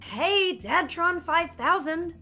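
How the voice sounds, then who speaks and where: A woman's voice: very high-pitched, animated, takes it slowly, bright, forceful tone, faint music behind, pitched above the performer's own voice, full character voice. A woman streamer voicing a cheerful teenage girl in a perky, bouncy way. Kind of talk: streamer voicing a dating-sim character.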